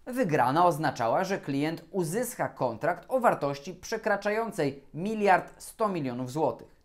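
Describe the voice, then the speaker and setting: A man, a lawyer, giving a scripted educational talk on procurement law in a formal, measured and deliberate way. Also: a little high.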